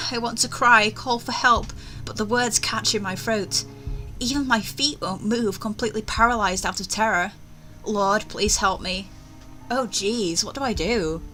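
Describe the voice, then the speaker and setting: Hosting a gaming video, a woman reads a story aloud theatrically and adds casual commentary. Her voice is medium-pitched with a fairly bright tone, the recording is rough, and faint music plays behind her.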